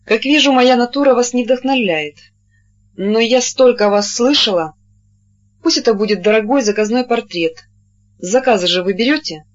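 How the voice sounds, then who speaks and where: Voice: mid-range voice, normal speed, natural voice. A reader voicing a haughty, cold young woman who speaks with pride and challenge, on a dull lo-fi recording.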